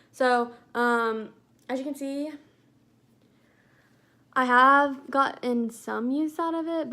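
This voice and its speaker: A woman's voice: fairly high pitch, gravelly, a bit bright. A young woman chatting casually about makeup, rambling with lots of filler words. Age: young adult. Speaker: beauty vlogger. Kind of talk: casual chat.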